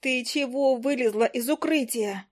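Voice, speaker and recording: A woman reading an audiobook voices an indignant young female tavern helper who shouts and scolds in a raised, higher voice. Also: a little slow, no room sound, studio quality. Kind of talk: audiobook character voice.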